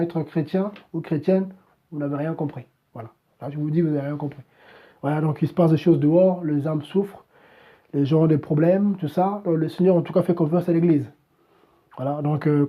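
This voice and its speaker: A man preaching live online sounds a little high for his sex and pushes his listeners with blunt, repeated exhortations. The stream audio comes through dull and lo-fi, like a webcam mic. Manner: exhorting, repetitive, keeps saying "voilà".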